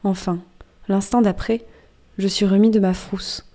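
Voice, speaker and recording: A woman reading an audiobook as a wry, boastful male sailor who recounts a strange dream in a lively, conspiratorial way. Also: mid-range voice, measured pace, natural voice.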